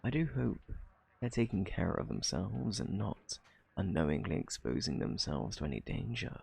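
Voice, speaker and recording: Playing a cunning, shamelessly flirtatious British gentleman thief in ASMR roleplay, a man uses a low, husky voice full of gravelly fry. Heavily acted and very animated at a moderate pace, he swoops in a smug, taunting, mock-innocent drawl, teasing and insinuating.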